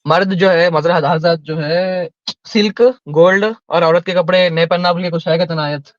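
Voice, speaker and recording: A man calling into a debate, halting and deferential, stumbling as he explains. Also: high-pitched, fairly even intonation, no echo. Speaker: caller. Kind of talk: debate on a call. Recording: dull, dry lo-fi audio.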